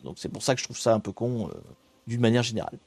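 A man's voice: medium pitch, fast, a little mellow, husky, no echo. A man hosting a casual live stream, chatting to viewers with frequent hesitations and restarts.

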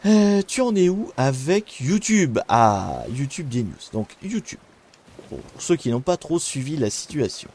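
A man's voice: mid-range voice, very animated, a little slow, darkish tone, slight background noise. A man hosting a casual live stream, chatting with viewers while gaming, hesitant with many fillers and restarts. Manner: greets chat viewers by name. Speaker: streamer hosting a cybersecurity talk show.

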